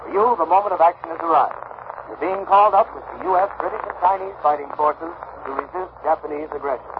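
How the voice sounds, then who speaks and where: A man reading a news bulletin in a crisp, urgent announcer manner, like an old-time radio news broadcast. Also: on the high side, fast. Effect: old-time radio news broadcast sound. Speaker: newscaster. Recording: tinny noisy 1940s radio broadcast.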